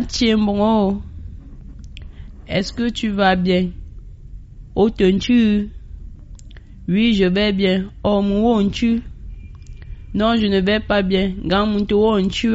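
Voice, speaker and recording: A woman guest on the radio teaches her language, speaking slowly. She says each phrase and then explains its meaning. Her voice has a dull, lo-fi sound. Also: mid-range voice, steady tone, darkish tone. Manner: slow, spells out each phrase and gives its meaning.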